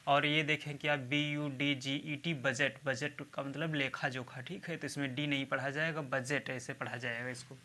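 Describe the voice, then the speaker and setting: A man's voice: mid-range voice, flat delivery, moderate pace, few pauses, sharp tone. A man giving a video lecture on English spelling, spelling words out letter by letter and checking in with "theek hai" after each point. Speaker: English teacher.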